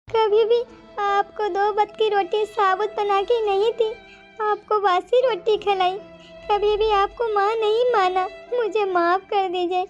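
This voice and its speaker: Woman voicing a snappy young cartoon daughter-in-law. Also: very high voice. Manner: snappy and scolding. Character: sharp-tongued young daughter-in-law, later remorseful. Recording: slightly dull, music behind.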